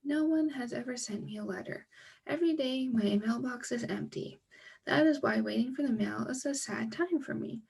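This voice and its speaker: A woman reading a children's book gives voice to a shy, gloomy toad who is proud and easily embarrassed. The voice is high, husky, and edged with gravel, and it is read softly and plainly. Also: normal speed, recorded from a distance. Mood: glum. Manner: gentle storybook read-aloud voice. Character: shy, glum, prideful male toad.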